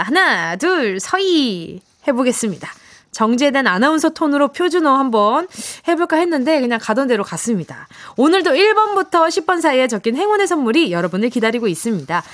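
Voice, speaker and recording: A woman's voice: high-pitched, fairly bright tone. A young woman hosting a radio show, reading listener messages in a chatty, encouraging way and acting out quoted lines.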